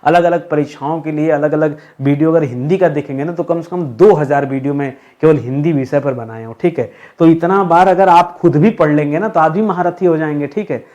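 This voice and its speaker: A high-pitched male teacher gives an exam-prep grammar lesson. He writes and spells each word letter by letter, poses quick questions and answers them himself, and fills the gaps with "okay" as he goes. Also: a little mellow, highs cut off. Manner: spells words letter by letter, asks and answers his own questions; addresses viewers as friends, says "okay" often. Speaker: Hindi teacher.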